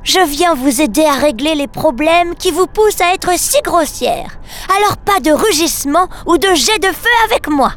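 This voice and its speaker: A woman playing a prim, strict librarian who scolds calmly and firmly. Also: high-pitched, moderate pace. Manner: strict, schoolmarmish and composed.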